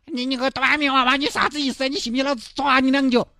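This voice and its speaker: A man's voice: extremely high pitch, level tone, very fast, sharp tone, dry recording, clean studio sound, voice pushed up, full character voice. A man voicing an old grandmother with a who shrieks angry threats. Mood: furious. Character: furious shrill old grandmother.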